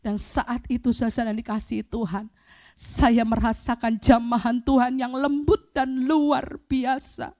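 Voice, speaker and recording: A middle-aged woman pastor giving a fervent sermon, often rising to loud, emphatic cries. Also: fairly high pitch. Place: church, streamed online.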